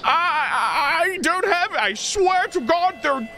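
A man putting on a squeaky, frantic voice of a panicked man rambling about what he saw. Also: expressive, takes it slowly, sharp tone, heavily acted. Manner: shrieking, frantic high voice.

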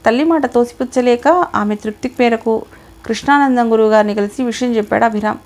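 A woman reading a novel aloud as narrator, in a measured, expressive storytelling manner. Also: fairly high pitch. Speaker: audiobook narrator.

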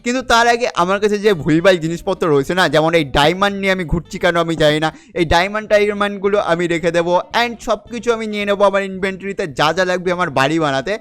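Fast, high-voiced young man gaming. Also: fairly bright tone, clear, resonant tone. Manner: chatty, keeps calling the viewer "brother", mixes in English words. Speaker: gaming channel host. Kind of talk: casual gameplay commentary.

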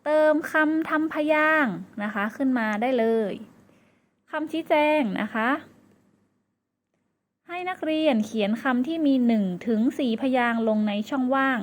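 A woman teacher giving a patient lesson to young pupils, sounding words out syllable by syllable. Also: high voice. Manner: patient, slow, syllable-by-syllable counting. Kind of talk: classroom lesson for children.

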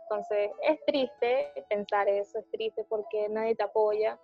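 A woman giving a personal testimony in a conversation, speaking hesitantly with many pauses and restarts. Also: medium pitch, dull audio, faint music behind. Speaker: interviewee describing her panic attacks.

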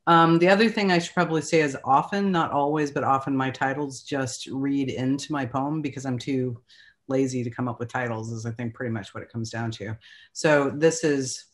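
A woman poet reading her poems aloud at an online event, with halting, self-deprecating asides between them. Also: extremely low pitch. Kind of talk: poetry reading with chatty asides. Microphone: online video call.

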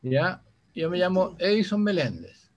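A man's voice: high-pitched, very animated, measured pace. A man on a video call, earnest and slightly formal, checking that he can be heard. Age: 80s. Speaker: workshop participant.

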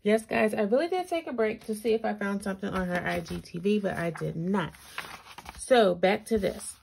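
A woman's voice: mid-range voice, normal speed, gravelly, darkish tone. A woman with braces slightly impeding her speech gives a casual, chatty walkthrough, thinking aloud and reading items out. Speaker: planner reviewer, video host. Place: indoors at a tabletop, hands-only overhead shot. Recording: noticeable background noise with clicks.

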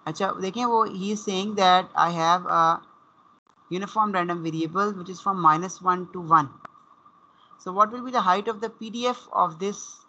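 A man's voice: high voice, a little fast, pushed and bright, a little hiss or hum. A man with a Pakistani accent explaining as a university lecturer in an online class, repeating and rephrasing as he goes. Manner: repeats and rephrases, switches between English and Urdu. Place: online class over a computer connection. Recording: dull, compressed online call audio.

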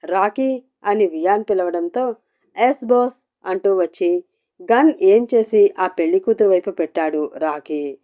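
A woman narrating a scripted story with an even, expressive reading. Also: on the low side, normal speed.

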